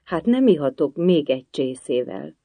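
A storybook reader voicing a curious, polite little girl who asks many questions, raised higher and louder. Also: big pitch swings, no echo, narrow, tinny audio. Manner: eager questioning, timid at times.

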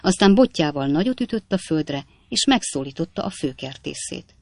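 Low-voiced woman reading a story. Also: expressive, a little mellow, dry recording. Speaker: audiobook narrator. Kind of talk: scripted story narration.

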